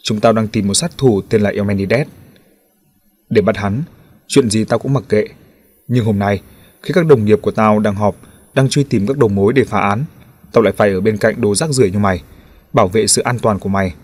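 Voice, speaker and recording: A man's voice: fairly low pitch, brisk, pauses often, a little mellow, slightly rough. A man voicing a stern police officer who talks down coldly and threateningly. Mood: cold threat. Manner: cold and threatening.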